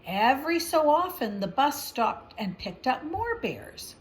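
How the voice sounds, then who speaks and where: This woman's high-pitched, very animated voice moves a little slowly as she reads a picture book. Like a storybook reader talking to a young child, she explains things conversationally and asks gentle questions between passages.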